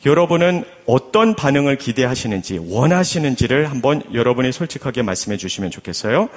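A man preaching a sermon as pastor, questioning his congregation in an animated way. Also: mid-range voice, fast. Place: church sanctuary. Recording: long hall reverb.

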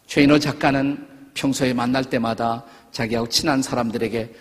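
A man's voice: medium pitch, steady tone, normal speed. A man in his sixties, a pastor telling stories in a sermon with an earnest manner. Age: 60s. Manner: earnest storytelling preacher. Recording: long reverb of a large church hall.

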